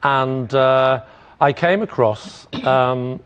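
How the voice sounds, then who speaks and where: A man spinning a comic story on a panel show, teasing and quick with deadpan asides. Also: medium pitch, smooth, highs cut off. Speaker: regular panellist telling a story. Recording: loud studio audience laughter and noise.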